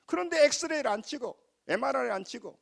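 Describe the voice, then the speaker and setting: A pastor with a Jeolla Korean accent gives a sermon in a high, bright voice that swoops up and down, very animated and very fast, with vocal fry. His style is folksy and emphatic, and he has the congregation repeat lines back to him.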